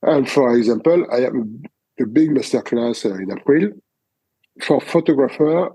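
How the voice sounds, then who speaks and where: A man with a French accent speaks in a halting way, full of pauses and fillers. His voice is gravelly and husky with a mellow tone. The recording is close and dry. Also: medium pitch, animated, no room sound, low-quality recording. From France. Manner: halting, many fillers and restarts. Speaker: guest photographer. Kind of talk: casual interview.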